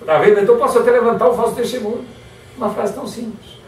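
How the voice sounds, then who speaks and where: Recorded from a distance in an echoey hall, this motivational lecture features a man with a very high-pitched, racing voice and slight background noise. He delivers it in a lively way, performing example phrases in varied tones.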